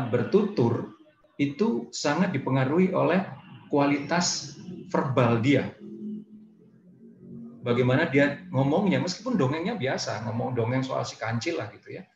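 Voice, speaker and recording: Gravelly man coaching public speaking. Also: medium pitch, roomy sound, lo-fi sound, a little hiss or hum. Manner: relaxed, conversational, with demonstrations of intonation. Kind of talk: training session talk.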